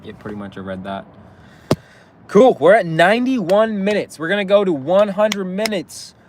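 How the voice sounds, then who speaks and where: A young man hosting a YouTube live stream on his phone speaks in a high-pitched voice with big pitch swings at a moderate pace, with background noise present. He's outdoors across the street from a police station, sniffly with a slight cold, rambling in a laid-back way full of "like" and "bro" and laughing easily with viewers.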